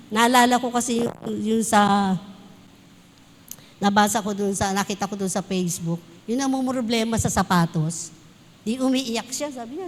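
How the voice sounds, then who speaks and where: A woman's voice: on the high side, slight background noise. A Filipino woman preaching a church sermon, switching between Tagalog and English and telling personal stories. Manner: mixes Tagalog and English, tells anecdotes with laughs. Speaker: pastor. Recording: long hall reverb.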